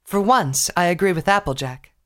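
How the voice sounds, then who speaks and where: A posh, elegant pony mare, as a male narrator puts her on in a storybook reading. Her refined, theatrical lines sit higher than his own voice and move a lot in pitch. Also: expressive, normal speed.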